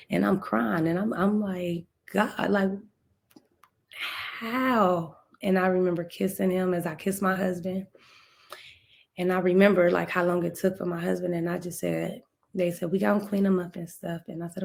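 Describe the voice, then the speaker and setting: A middle-aged woman from Ohio, a podcast guest, telling an emotional personal story and acting out the quoted dialogue in lively voices. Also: lowish voice, normal speed, vocal fry. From Ohio, USA. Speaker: podcast guest, speaker and author.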